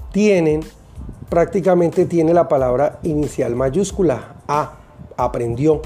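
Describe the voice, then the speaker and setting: A teacher gives a recorded lesson for children, speaking in a patient, deliberate way and spelling out each step. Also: mid-range voice, warm tone.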